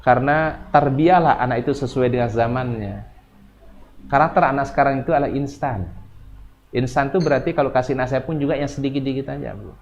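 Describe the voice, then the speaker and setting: A male preacher talking to women in his congregation. He asks them questions and answers them himself, then drops to a soft, slow murmur before rising again into loud, high bursts. The recording sounds a little dull, with faint ambient noise in the room behind him. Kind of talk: sermon.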